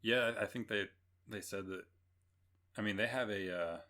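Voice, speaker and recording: A man's voice: fairly low pitch, normal speed, bright, forceful tone. A man co-hosting a podcast in easygoing casual chat, wry and hesitant with fillers. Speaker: podcast co-host.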